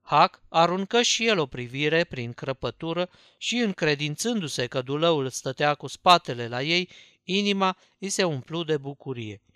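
A man reading a story aloud as an audiobook narrator, with measured storytelling delivery. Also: fairly high pitch, expressive, bright, forceful tone, clear, resonant tone, no echo, studio quality.

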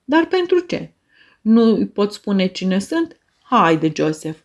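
Woman voicing a polite gentleman visitor, formal, courteous, audiobook. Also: mid-range voice, sing-song.

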